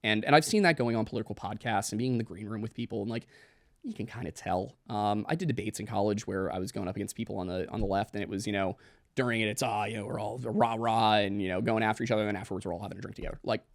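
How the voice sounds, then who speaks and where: A man in his twenties co-hosting a podcast, chatting casually and joking, with quick asides. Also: lowish voice, dry recording, clean studio sound. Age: 20s. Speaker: podcast co-host.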